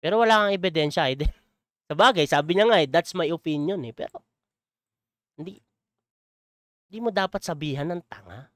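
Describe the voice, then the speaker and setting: A man's voice: a little high, expressive, normal speed, long pauses, fairly bright tone, no echo, clean studio sound. A man hosting his own channel, giving chatty reaction commentary on a video clip, exclaiming, chuckling and repeating lines from it. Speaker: YouTuber host.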